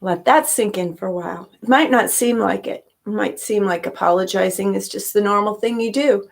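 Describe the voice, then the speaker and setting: An older woman giving a spoken reflection and then leading a guided meditation, gentle and reflective, with soft fillers. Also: mid-range voice, normal speed, gravelly. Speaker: meditation teacher.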